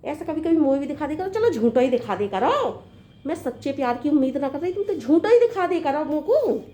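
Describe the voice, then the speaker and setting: An earnest young daughter-in-law, played by a woman, lectures her mother-in-law in a fairly high voice. She reasons patiently and at length. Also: sing-song, brisk, mellow. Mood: pleading. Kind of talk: comedy sketch acting.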